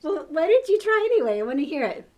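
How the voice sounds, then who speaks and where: A woman's voice: high-pitched, sing-song, fast, a little mellow, muffled recording. An older woman with a grandmotherly manner reads a children's story aloud, coaxing and encouraging with playful asides.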